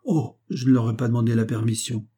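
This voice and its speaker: A man's voice: mid-range voice, steady tone, fairly quick, dark tone, slightly rough, natural voice. A man reading the lines of a poor, melancholy young peasant in love, in an earnest, grave and hesitant manner. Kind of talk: audiobook character reading.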